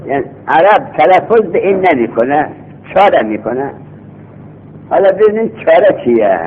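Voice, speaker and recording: A man teaching a grammar class, repeating each rule slowly and then explaining it in quick bursts, heard from an old cassette recording. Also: fairly high pitch, sing-song, slight background noise. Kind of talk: classroom lecture. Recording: lo-fi cassette tape, thin phone-like sound.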